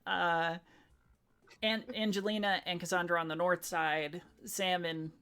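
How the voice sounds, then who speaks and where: A woman game master narrating and explaining a tabletop game, halting with many pauses. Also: on the low side, fairly even intonation, a bit bright, clear, resonant tone.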